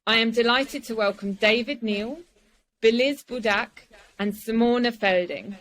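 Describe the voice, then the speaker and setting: A woman's voice: a little high, a little slow, a bit bright, rough recording. A woman hosting a podcast, welcoming and interviewing guests. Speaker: podcast host.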